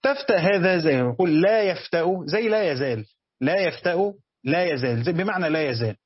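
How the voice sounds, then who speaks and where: Man, Egyptian accent, teaching commentary, husky voice, dull dry recording. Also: fairly high pitch, animated, quick pace, no echo. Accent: Egyptian Arabic. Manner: reads quoted text then explains it in colloquial speech, with hesitations. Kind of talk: classroom commentary on a text.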